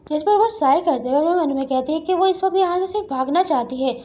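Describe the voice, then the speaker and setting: A woman reads out a comic story recap in a steady, scripted way. Her voice sits high, and the tone is mellow rather than bright. She quotes the characters in her own voice without acting them. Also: fast talker. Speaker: recap narrator.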